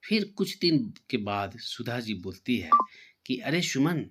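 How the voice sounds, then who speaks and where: A man narrating a family story in a plain, steady reading voice. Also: medium pitch, takes it slowly, very noisy. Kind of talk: scripted narration.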